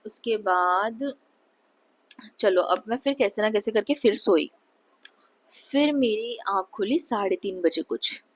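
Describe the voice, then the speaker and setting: A young woman casually telling viewers a frightening personal story, mixing English words into her Hindi, with many fillers and restarts. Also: medium pitch. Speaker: vlogger.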